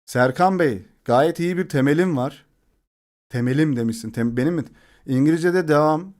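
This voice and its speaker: A man's voice: on the high side, moderate pace, darkish tone. A young man streaming live, chatting casually with viewers, joking around and laughing often.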